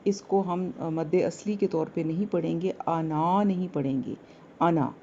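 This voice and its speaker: Female teacher, low and mellow, very slow word-by-word lesson, muffled recording. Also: slight background noise. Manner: slow, repeats each word and its meaning. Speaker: Quran teacher.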